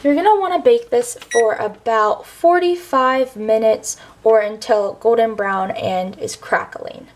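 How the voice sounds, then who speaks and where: A woman's voice: on the high side, a little hiss or hum. Chatty young woman cooking vlogger. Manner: chatty, talks straight to viewers. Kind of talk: casual cooking tutorial.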